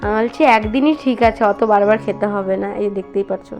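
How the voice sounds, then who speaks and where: A woman's voice: medium pitch, fast, soft background music. A young woman, chatting casually with viewers in a home vlog, full of fillers. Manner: chatty, many fillers, addresses viewers as guys; speaks softly so as not to wake her baby. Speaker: vlogger. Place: home kitchen and bedroom, indoors.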